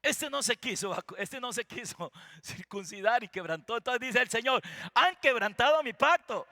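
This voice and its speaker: High, gravelly Costa Rican preacher. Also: male voice, expressive, normal speed, sharp tone, dry recording. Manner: fervent, keeps calling out to the congregation; rhetorical questions to the listeners. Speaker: pastor. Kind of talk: sermon.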